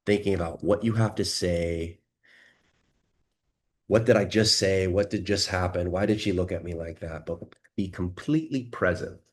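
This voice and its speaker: A man coaching listeners, talking calmly and leading them through a slow guided breathing exercise with many questions. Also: sits low. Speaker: dating and confidence coach.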